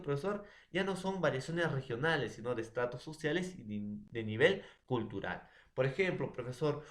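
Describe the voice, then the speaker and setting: A man with a Peruvian accent teaching a class, laying out examples one after another and often checking in with his students. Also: mid-range voice. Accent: Peruvian Spanish. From Peru. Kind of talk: classroom lecture. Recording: echoey room.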